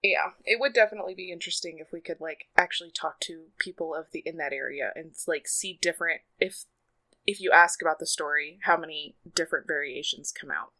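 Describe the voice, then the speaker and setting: A young woman co-hosting a podcast in casual chat, relaxed and enthusiastic. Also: low voice, brisk. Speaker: podcast co-host.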